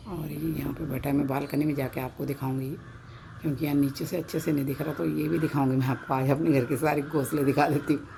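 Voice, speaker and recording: A woman from Uttarakhand with a Pahadi Hindi accent, vlogging from her sunny rooftop balcony on a phone camera, keeping her voice low and soft so she does not scare the birds. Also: gravelly, background noise. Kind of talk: casual vlog narration. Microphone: phone camera held by the speaker.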